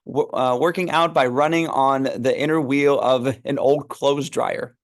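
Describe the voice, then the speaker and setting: A man's voice: medium pitch, fairly even intonation, a little slow. A man narrating a script read, reading stage directions aloud in an informal, amused way.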